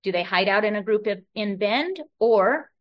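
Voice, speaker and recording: A woman's voice: mid-range voice, animated, normal speed, dull audio. Woman telling her story at a meeting. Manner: conversational storytelling, rhetorical tags, many restarts. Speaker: speaker at a recovery meeting. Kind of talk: personal share at a meeting. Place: meeting room with an audience.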